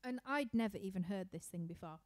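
A woman's voice: medium pitch, expressive, brisk, no room sound. Woman, Yorkshire accent, young adult, casual live-stream chat, rambling, laughing, dry close sound. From Yorkshire, England. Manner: chatty, laughing, rambling with fillers. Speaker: musician hosting a live stream Q&A. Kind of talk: casual chat reading viewer questions. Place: living room at home.

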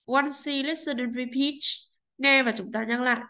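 A woman teaching an English textbook lesson, with a slightly high voice. She speaks politely and keeps checking that her students follow with little tag questions. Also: steady tone, normal speed, bright, forceful tone, rough recording.

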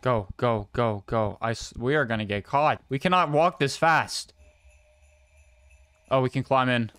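A man's voice: mid-range voice, a little slow, a bit bright, smooth. A young man giving live commentary as a scared horror game streamer, pleading and muttering in repeated phrases. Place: small room indoors at a desk, webcam stream. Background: horror game music.

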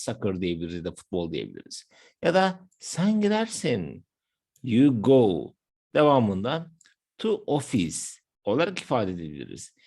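Gravelly, animated Turkish man teaching. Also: mid-range voice. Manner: explains step by step, slows down for example phrases. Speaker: English teacher. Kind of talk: language lesson narration.

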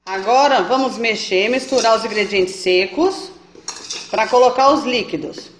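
Speaking a little slowly in a slightly high voice, a cooking channel host demonstrates a recipe step by step, chatting and checking in with her viewers throughout. The home kitchen recording is echoey, with faint noise.

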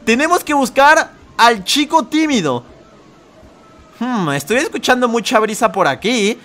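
A young man narrates a horror game in a very high voice. His tone is bright and sharp as he yelps, laughs and calls out to his viewers as friends. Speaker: gaming YouTuber. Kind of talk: excitable Roblox gameplay commentary.

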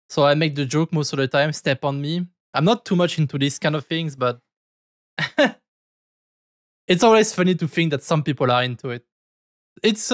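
A man's voice: on the high side, no echo. Casual male anime streamer, dry close sound. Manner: offhand, chatty short remarks. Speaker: VTuber streamer. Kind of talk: casual anime reaction commentary. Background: music from the show being watched.

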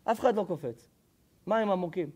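A man, a rabbi, teaching a Torah lesson as a lively storytelling sermon. He asks the audience questions and answers them himself, and he swings between loud exclaiming and hushed, low asides.

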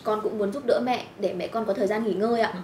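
An actress playing a polite, soft-spoken rich young woman newly back from abroad. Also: medium pitch, steady tone, quick pace, slight background noise, lightly acted. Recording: roomy echo, music behind.

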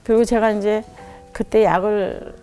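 Middle-aged woman telling her faith story, earnest, mellow dark voice, faint music under it. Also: steady tone, a little slow. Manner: earnest and heartfelt, quotes God in a lowered softer voice. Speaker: missionary guest. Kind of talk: emotional personal testimony.

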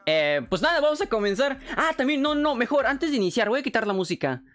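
A young man with a Mexican accent, chatting fast and excitably on a livestream, swearing freely while showing how he works. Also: very high voice. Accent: Mexican Spanish. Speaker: streamer. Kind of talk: casual livestream chat.

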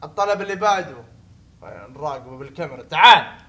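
A young man hosts a gaming video, joking and teasing the game's characters. His voice sits high for a man. He slips into laughter and sudden loud bursts. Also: very animated, brisk. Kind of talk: joking let's-play commentary.

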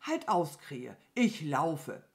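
A woman voicing a gentle, thoughtful cow who talks earnestly. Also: sits low, very animated, very slow, full character voice. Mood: reassuring. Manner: earnest, musing.

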